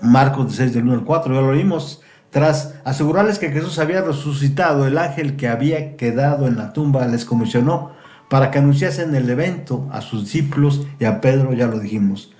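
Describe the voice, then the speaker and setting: A man reviewing a Bible lesson, reading scripture aloud and explaining it with pauses and restarts. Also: medium pitch, darkish tone, roomy sound, faint music behind. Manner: explains and reads verses with fillers and restarts. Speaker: Bible study teacher.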